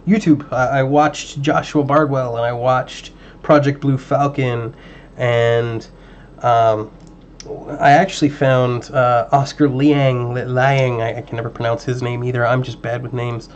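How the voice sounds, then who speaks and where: A man hosting a casual livestream while building a drone, chatting with viewers and muttering to himself as he works, his voice slightly hoarse. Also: mid-range voice, a little slow, muffled recording, a little hiss or hum. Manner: relaxed, chatty, muttering at parts while working.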